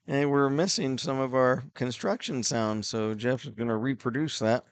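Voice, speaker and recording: A man's voice: medium pitch, no echo. A middle-aged man filling time on a hockey broadcast, rambling with many fillers as he reads out viewer messages. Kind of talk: casual play-by-play filler chat.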